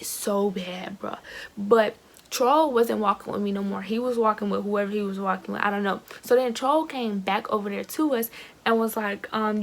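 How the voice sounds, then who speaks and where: A teenage girl telling a casual storytime vlog into her phone, chatty and animated, full of fillers and slang, talking to her viewers as y'all. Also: mid-range voice, vocal fry. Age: teens. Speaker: vlogger.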